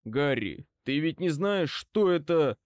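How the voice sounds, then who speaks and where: A man's voice: a little high, lively intonation, slow pace, clean tone, dry recording. A man reading an audiobook, voicing a stern, furious old male wizard who growls harsh commands. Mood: angry gruff.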